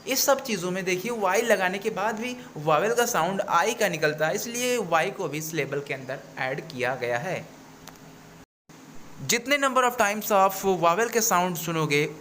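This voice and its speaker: A male teacher walks through a video lesson. His voice sits a little high and he repeats points patiently. A faint hiss runs under the recording. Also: expressive, measured pace, fairly bright tone. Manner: explanatory, repeats points, mixes English phrases into Hindi. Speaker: English teacher.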